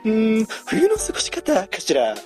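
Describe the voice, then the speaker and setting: A man's voice: high-pitched, huge pitch swings, normal speed, music in the background, voice pushed up. A man putting on a campy, effeminate character who chats in a sing-song, giggly way. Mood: playful.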